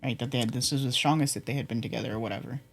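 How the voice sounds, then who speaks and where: A man's voice: mid-range voice, fairly even intonation, rapid-fire, gravelly, faint music behind. A man giving casual game commentary as he reasons through a mystery. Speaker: player discussing a mystery game.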